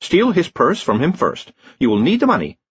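A man's voice: a little high, huge pitch swings, slight background noise, pitched above the performer's own voice. Talking crystal ball, prim and precise , voiced by a man, dull lo-fi sound. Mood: formal. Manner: formal, measured.

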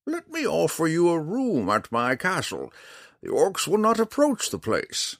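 A man voicing a proud, blind old hermit archer who speaks slowly and halts while searching for words. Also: fairly high pitch, huge pitch swings, no echo, clean studio sound, voice pushed up, full character voice. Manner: slow, drawn-out delivery.

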